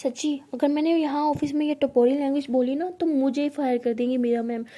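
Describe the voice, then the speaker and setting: Brief: a woman playing a strict young senior coworker, high but mellow voice, curt and scolding. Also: steady tone, fairly quick, natural voice.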